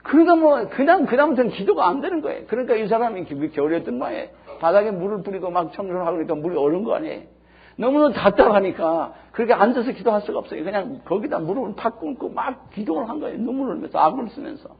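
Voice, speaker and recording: A man preaching a sermon, telling stories with emphasis and swinging between hushed and loud. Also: high voice, expressive, quick pace, creaky, breathy edge. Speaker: pastor. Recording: dull lo-fi sermon recording.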